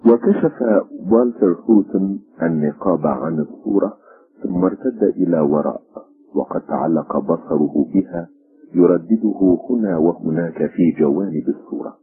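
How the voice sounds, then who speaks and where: A man narrating a scripted radio story in a measured, literary way. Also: deep voice, phone-quality sound.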